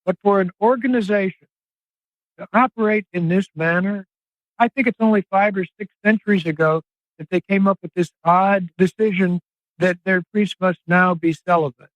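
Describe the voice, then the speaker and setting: An older man speaking as an investigative reporter and guest, in an earnest, emphatic interview monologue with drawn-out phrasing. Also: high voice, dry recording. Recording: dry, slightly dull podcast audio.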